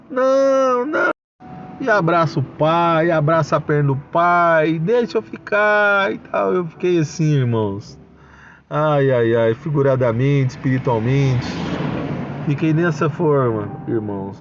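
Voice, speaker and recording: A man's voice: medium pitch, highs cut off. A Brazilian man giving a fervent spoken religious testimony, calling his listeners brothers and breaking into praise. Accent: Brazilian Portuguese. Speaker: church member giving a testimony. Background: noisy motorbikes passing outside.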